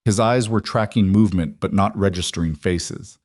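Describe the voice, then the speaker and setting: A man narrating a dramatic story in a measured, scripted reading. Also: low voice, a little mellow, no echo, clean studio sound.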